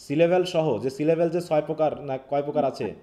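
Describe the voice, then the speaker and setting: Fast-talking, mellow Bangladeshi teacher. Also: male voice, a little high, fairly even intonation. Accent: Bangladeshi Bengali. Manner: explains patiently, asks checking questions. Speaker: English teacher. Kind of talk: online live revision class.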